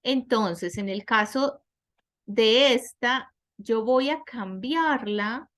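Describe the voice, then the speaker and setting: A woman teaching an online class at an unhurried pace, explaining each rule carefully. Her voice sits a little high for a woman, and she keeps checking in with her students through questions. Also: lively intonation, fairly bright tone. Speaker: English teacher.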